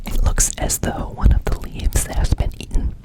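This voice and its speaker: A man speaks entirely in a whisper, in the style of an ASMR ramble. He is close to the microphone and often repeats a word or phrase, lingering on it before moving on. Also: loud music behind the voice. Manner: whispers throughout, slowly repeating words and phrases. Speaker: ASMR video creator and host. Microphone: close microphone, brushed as he talks.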